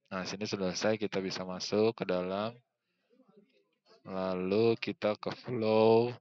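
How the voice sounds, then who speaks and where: Young male student, screen-tutorial narrator, smooth clear tone, slow hesitant thinking-aloud delivery. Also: on the low side, flat delivery, a little mellow, highs cut off. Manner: hesitant, many fillers, thinking aloud while clicking. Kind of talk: screen-recorded software tutorial.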